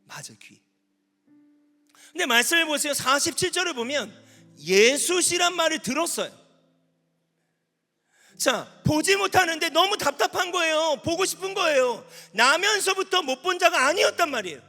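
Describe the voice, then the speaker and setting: A man preaching at a youth camp as pastor, animated, asking the audience questions and at times shouting. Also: very high voice, moderate pace, long pauses. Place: large hall at a youth camp. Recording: long hall reverb with faint instrument music.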